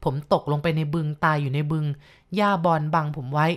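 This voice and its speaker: A woman's voice: sits low, fairly quick, lightly acted. A woman voicing a remorseful bandit ghost. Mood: eerie.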